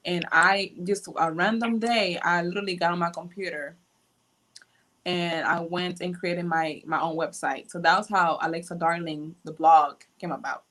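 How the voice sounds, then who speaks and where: A woman's voice: fairly low pitch, fairly even intonation, normal speed, fairly bright tone. A young woman from Honduras chatting casually as a livestream guest, storytelling with lots of fillers over an earphone mic on a video call. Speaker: guest blogger. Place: indoors at home.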